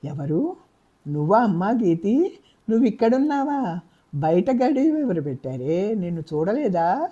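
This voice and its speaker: A woman reading a novel aloud, voicing a guilt-ridden older father who speaks softly and apologetically. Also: mid-range voice, big pitch swings, measured pace, long pauses, slightly rough, muffled recording, voice pushed up. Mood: remorseful. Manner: soft, apologetic. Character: remorseful helpless older father.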